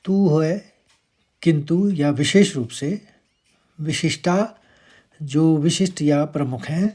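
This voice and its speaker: Slow, patient man teaching verse pronunciation. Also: on the high side. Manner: patient, breaks words into syllables and demonstrates; chants verse lines louder and drawn out. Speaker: Sanskrit recitation teacher.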